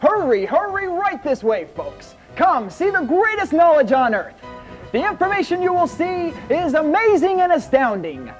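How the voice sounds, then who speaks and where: Flamboyant carnival barker played by a man, lively sing-song patter, faint music underneath. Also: normal speed, low-quality recording. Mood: showy. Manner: booming, showy announcer patter. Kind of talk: scripted educational film.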